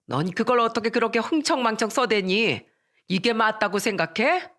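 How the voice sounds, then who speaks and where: A storyteller voicing an angry middle-aged mother-in-law who scolds her daughter-in-law in a raised, shrill voice. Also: expressive, moderate pace, natural voice. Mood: scolding. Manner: shrill and scolding, rising louder.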